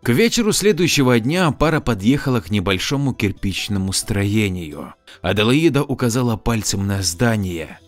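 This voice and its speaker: A man reading an audiobook in measured, even scripted narration. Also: fairly low pitch, soft background music.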